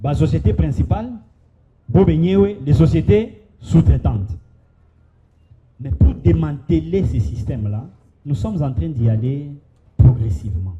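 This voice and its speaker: Dark-voiced official giving a speech. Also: male voice, fairly high pitch, lively intonation, a little slow, lo-fi sound, a little hiss or hum. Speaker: agency director speaking at a conference. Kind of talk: public address to an audience.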